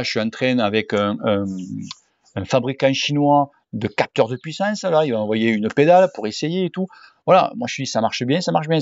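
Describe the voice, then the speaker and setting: Answering viewer questions in a casual vlog, a cycling YouTuber and sports coach in his forties speaks at a medium pitch with a southern regional French accent. He's blunt and slangy and swears freely, captured in a dull, dry home recording.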